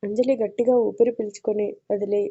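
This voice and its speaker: Female narrator for an audio story, monotone, dark, muffled sound. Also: mid-range voice, a little fast, slightly rough.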